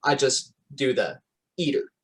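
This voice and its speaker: Male podcast host, easygoing and unhurried, casual chatter. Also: medium pitch, animated, poor audio. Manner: laid-back, easy back-and-forth with "yeah, man". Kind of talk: casual interview chat.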